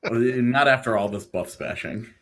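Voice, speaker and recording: A man's voice: medium pitch, expressive, moderate pace, a bit bright. A man co-hosting a sports podcast in casual, joking banter.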